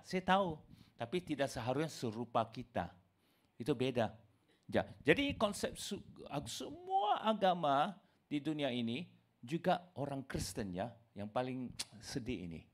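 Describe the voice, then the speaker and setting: Here a male preacher gives an emphatic sermon, shifting from soft asides to loud exclamations. He speaks to his audience as brothers and sisters, using the word "saudaraku."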